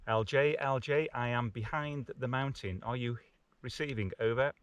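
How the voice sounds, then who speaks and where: A British man tests gear outdoors on open hills, speaking plainly and casually as a hiking vlogger giving practical commentary. He has a mid-range voice at normal speed.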